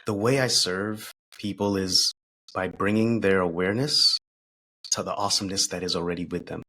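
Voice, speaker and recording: A man speaking as a podcast guest, reflective and thoughtful, pausing and restarting as he talks. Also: deep voice, steady tone. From United States. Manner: thoughtful, pauses and restarts, laughs softly.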